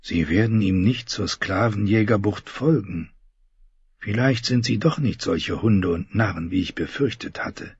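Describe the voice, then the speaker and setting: A man reading the part of a grim, brooding warrior captain who speaks gruffly and bluntly. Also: on the low side, unhurried, a little mellow, dry recording, muffled recording.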